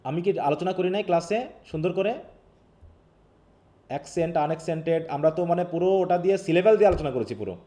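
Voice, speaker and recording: A man's voice: fairly high pitch, fast, warm tone. A man teaching an online English class with a Bangladeshi Bengali accent, who explains patiently and often asks checking questions. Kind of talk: online live revision class.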